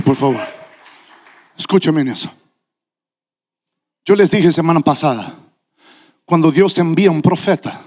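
A man preaching a sermon with passion, his delivery building up to shouting. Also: fairly high pitch, slightly rough.

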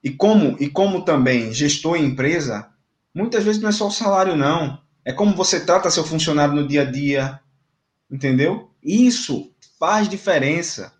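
Man, football commentator, emphatic, indignant, slightly high voice, echoey room. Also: lively intonation, moderate pace. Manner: emphatic, indignant, repeats words. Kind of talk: fan football debate show.

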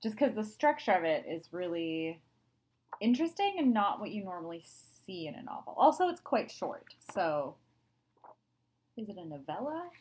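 A woman's voice: medium pitch, normal speed, slightly rough. A woman co-hosting a book podcast in casual chat, upbeat and agreeable. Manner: upbeat, agreeable, lively intonation. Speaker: podcast co-host; writer.

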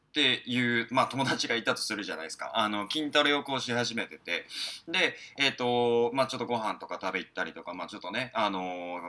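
A man's voice: medium pitch, bright, forceful tone. A young man teaching an English lesson in casual spoken style, chatty with many fillers.

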